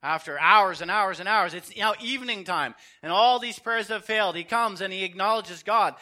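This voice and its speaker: Male pastor, bright and high, animated sermon storytelling. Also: moderate pace. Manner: animated storytelling preacher, acting out dialogue.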